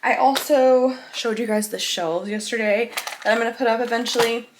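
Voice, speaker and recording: A woman's voice: a little high, fairly even intonation, normal speed, noisy background. A young woman chatting casually in a home vlog, bubbly and gushing, with lots of filler words. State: out of breath at times. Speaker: lifestyle vlogger. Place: home, indoors. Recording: echoey home room.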